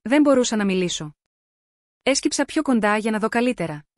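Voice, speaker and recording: A woman's voice: on the high side, lively intonation, no echo. Woman narrating a story, dry close voice. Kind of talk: scripted first-person story narration.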